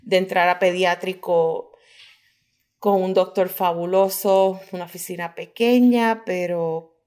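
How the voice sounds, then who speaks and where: Her voice sits fairly low, steady and a little mellow, and she never hurries. She's a middle-aged Puerto Rican woman and pediatric dental hygienist, a guest in an interview who tells her story in a conversational way, mixing English phrases into Spanish.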